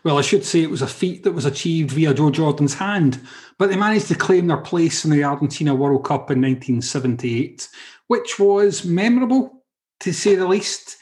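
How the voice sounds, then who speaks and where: Scottish man, podcast host, fairly high voice, enthusiastic, casual sports chat. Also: expressive, normal speed, darkish tone.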